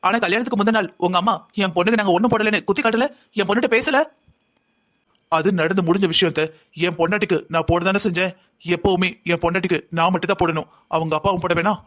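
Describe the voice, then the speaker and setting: In a cartoon drama, one male actor voices the whole family as they argue heatedly back and forth. He has a high-pitched voice with a fairly bright tone.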